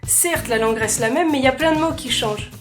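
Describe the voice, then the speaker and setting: A woman's voice: high voice, fast talker, soft background music. A woman from France with a French accent, chatting playfully to the viewer in a comic explainer vlog. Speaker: vlogger.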